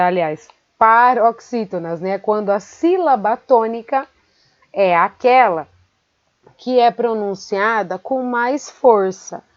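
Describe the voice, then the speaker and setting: A woman teaching a grammar lesson, speaking slowly and carefully and repeating words syllable by syllable. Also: mid-range voice, no echo. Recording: dry, dull lo-fi sound.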